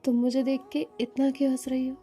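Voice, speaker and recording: A woman's voice: high voice, flat delivery, brisk, warm tone, husky, soft background music. Woman reading as a teasing mock-strict young man. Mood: mock-stern. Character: playful young man mimicking a bossy professor.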